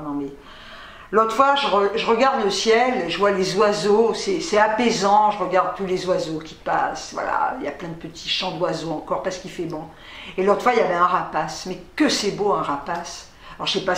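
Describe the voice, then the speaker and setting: A woman vlogger chatting casually to camera, swearing freely as she tells animated stories. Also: medium pitch, echoey room.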